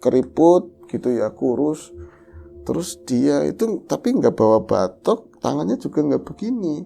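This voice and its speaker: A woman host retelling a listener's ghost story in the first person, lively and animated, acting out the quoted voices. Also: low-pitched, a little slow, vocal fry, faint music behind. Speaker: horror story podcast host.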